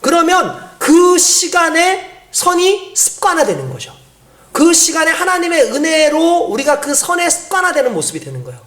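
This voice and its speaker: A woman's voice: extremely high pitch, big pitch swings, moderate pace, a bit bright. A woman pastor preaching a sermon, explaining step by step and asking the congregation rhetorical questions.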